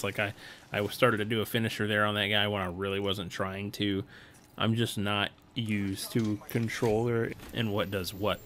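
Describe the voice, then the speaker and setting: A young man with a lowish voice talks over his gameplay footage in a loose, easygoing ramble. He sounds tired and lets out small chuckles as he goes. A faint hum sits underneath. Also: bright, forceful tone. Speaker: gaming channel host and streamer. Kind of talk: casual voice-over gameplay commentary.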